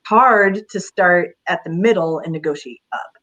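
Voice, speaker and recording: A woman's voice: fairly low pitch, a little slow, a bit bright, a little hiss or hum, low-quality recording. A woman career counselor giving casual advice in an interview, talking in a chatty way with many fillers.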